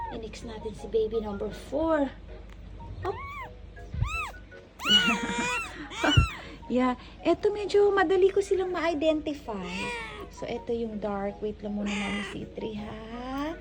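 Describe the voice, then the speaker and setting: Woman, pet vlogger, very high cooing voice, baby talk to kittens, slow pace. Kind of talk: casual chat with her cats.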